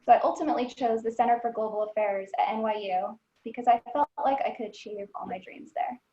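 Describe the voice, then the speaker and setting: A woman's voice: on the high side, fast, warm tone. Earnest storytelling woman, echoey lo-fi sound. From Southern California. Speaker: alumna guest. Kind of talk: recorded alumni interview. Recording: echoey lo-fi room.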